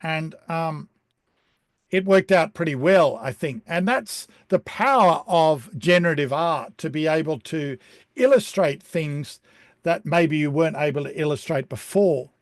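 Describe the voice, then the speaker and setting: A man presenting an online beginner lesson over a video call, speaking in a relaxed, chatty way with frequent ums. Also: fairly high pitch, a little slow, no echo, clean studio sound. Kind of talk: casual explanatory talk on a video call.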